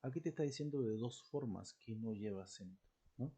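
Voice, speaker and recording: A man with a husky, mellow voice teaches a recorded grammar lesson. He explains step by step and keeps checking in with quick rhetorical questions. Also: mid-range voice, animated.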